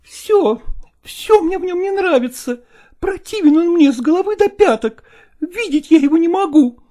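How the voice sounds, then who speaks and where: A woman's voice: extremely high pitch, animated, normal speed, warm tone. A woman playing a stubborn, tearful young wife arguing with her father in a dramatized reading, emotional and defiant.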